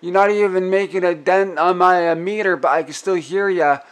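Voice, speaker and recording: Sitting at a radio desk indoors, an amateur radio operator exchanges call signs and signal reports, saying his phrases more than once. He has a high voice, a steady tone, and a moderate pace, and radio static and hiss fill the noisy room.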